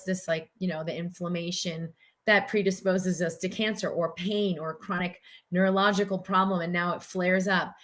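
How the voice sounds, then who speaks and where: A middle-aged woman from the United States, a doctor talking earnestly in an interview and using many filler words. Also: fairly low pitch. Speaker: doctor and guest. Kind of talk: conversational interview.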